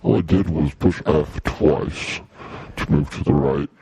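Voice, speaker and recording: A man talking through a voice changer that makes him sound like a deep, demonic creature, goofing around in casual chat. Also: steady tone, unhurried, warm tone, husky, dry recording. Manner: goofy, playing around with the voice changer. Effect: deep demonic voice-changer filter.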